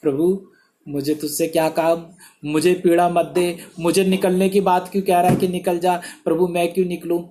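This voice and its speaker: A man's voice: high-pitched, little pitch movement, normal speed, background noise, close to an everyday voice. A male pastor voicing a tormented, demon-possessed man who cries out in protest as he retells the story in a sermon. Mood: pleading. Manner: crying out in protest.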